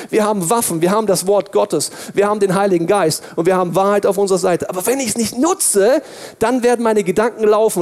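Animated high-voiced male preacher. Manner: animated, swings between loud and hushed; asks and answers his own questions. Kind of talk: sermon.

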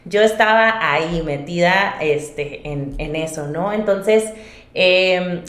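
Speaking slowly in a lowish, fairly bright voice, this woman is a podcast guest and independent singer-artist with a Monterrey, northern Mexican accent. She chats casually about her own life, frequently interrupting herself to voice what she was thinking at the time, and the room sounds echoey and spacious.

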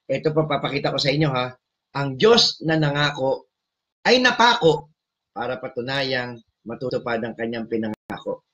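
A Filipino man preaching and leading prayer, switching between Tagalog and English and often asking his listeners questions in a loud, emphatic voice. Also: medium pitch, big pitch swings, normal speed, husky, rough recording. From Philippines. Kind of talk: sermon and prayer.

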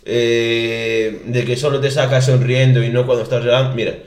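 In a roomy, echoing space, a young podcast co-host from Spain talks casually at normal speed. His medium-pitched voice barely moves in pitch as he rambles, frequently restarts, and drops "tío."

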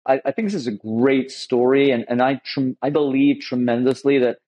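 A man's voice: mid-range voice, dark tone, rough recording. A male podcast host in casual interview chat, who stumbles and repeats words as he gets going. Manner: halting, repeats words as he starts.

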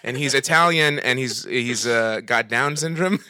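A man's voice: mid-range voice, normal speed, background noise. A man hosting a casual podcast, joking around with friends and making a prank phone call, talking loosely with many restarts. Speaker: prank caller and podcast host.

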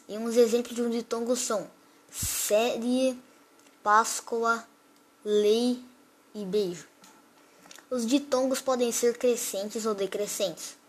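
A woman's voice: fairly high pitch, a little hiss or hum. Woman reading a grammar lesson. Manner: reads definitions and word lists slowly, one example at a time. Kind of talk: read-aloud grammar lesson.

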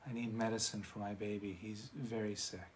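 A man's voice: fairly low pitch, steady tone, moderate pace, slight background noise, lightly acted. A man voicing a grief-stricken young woman who begs for help in a retold teaching story, repeating her pleas over and over. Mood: desperate pleading. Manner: pleading, repeating words.

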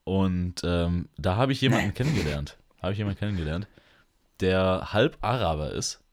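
Male podcast co-host, very low voice, casual slangy banter. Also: expressive, moderate pace. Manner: joking, laughs often, slangy. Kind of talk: casual chat.

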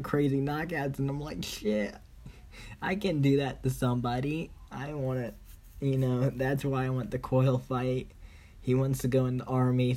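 Brief: man, average pitch, rambling profane vlog monologue, boastful, broken grammar. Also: dark tone. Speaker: vlogger. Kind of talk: rambling casual monologue to camera.

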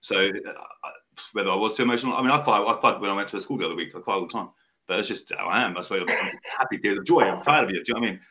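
A man's voice: on the low side, racing, sharp tone, slight background noise. A man working as a family mediator, talking in a casual discussion; he repeats words and restarts his sentences often.

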